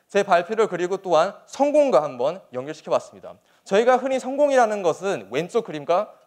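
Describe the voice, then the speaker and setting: A young man, a soldier, giving a motivational speech to an audience in an earnest, emphatic manner with rhetorical questions. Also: high voice. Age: young adult.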